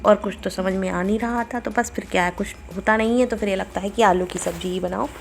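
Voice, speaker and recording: A woman in her forties from India, speaking with a Bundelkhandi Hindi accent, narrates her daily vlog from her home kitchen in a chatty, homely way, retelling family talk. She talks fast in a mid-range voice with fairly even intonation and vocal fry, and there's a little hiss or hum.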